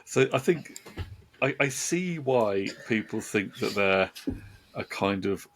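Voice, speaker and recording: Co-host, male, lowish voice, hesitant and wordy, thinking aloud in relaxed music chat. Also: slow pace, slight background noise. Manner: hesitant, searching for words, many restarts. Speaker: podcast co-host.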